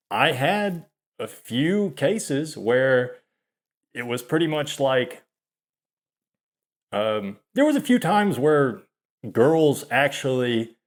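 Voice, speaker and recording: Soft-spoken and self-deprecating, this thirty-something channel host delivers a confessional monologue to camera at a medium pitch. His speech is halting, frequently trailing off before he starts over.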